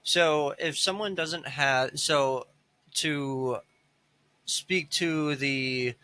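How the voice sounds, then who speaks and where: A male podcast host works through his questions slowly and restarts them often. His voice is bright and tense, and it sounds dry and close, with no room around it. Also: a little high, dry recording. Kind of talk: interview questions.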